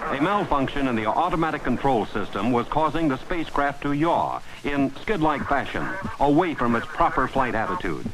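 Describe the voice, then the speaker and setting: A man's voice: mid-range voice, very animated, normal speed, hardly any pauses, background noise. A man reading a scripted 1960s documentary narration in a solemn, dramatic manner. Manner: dramatic, solemn, ornate phrasing. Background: loud music.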